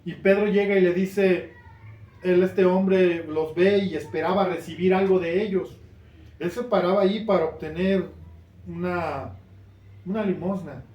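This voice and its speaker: A high-voiced male pastor delivers a sermon at an unhurried pace, earnest and building to emphatic questions. He is picked up from a distance, so the church hall rings around his voice. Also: fairly even intonation, muffled recording. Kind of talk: preaching a sermon. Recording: roomy church sound from a distant mic.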